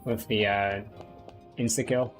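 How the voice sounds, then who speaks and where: Unhurried and on the low side, a man keeps his intonation fairly even as he rambles through a game stream. Fillers and restarts pile up in his casual commentary, with faint music in the background.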